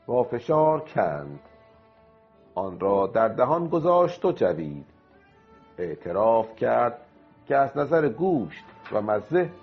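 A man narrating a radio drama in an expressive storytelling manner. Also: fairly low pitch, husky, muffled recording.

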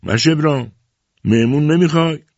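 A man voicing a boastful, meddling middle-aged village man who talks loudly and excitedly. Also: mid-range voice, slightly rough, no room sound, pitched above the performer's own voice. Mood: excited, pushy. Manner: loud, excitable, self-assured. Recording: dull lo-fi recording.

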